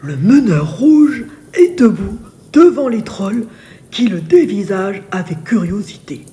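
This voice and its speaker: Woman reading a bedtime tale, sultry and soothing, really unhurried, mellow voice. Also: mid-range voice, lively intonation. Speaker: storyteller. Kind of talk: soft scripted bedtime story narration.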